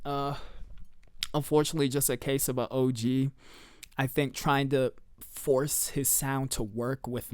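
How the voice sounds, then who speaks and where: A young man talks through tracks in a relaxed, slangy way, trailing off and filling pauses as he weighs each one. His voice sits at an ordinary middle pitch, picked up on a close mic in a dry, dead room. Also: no room sound. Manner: laid-back, slangy, with fillers and trailing off. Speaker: music reviewer. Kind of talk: casual review commentary.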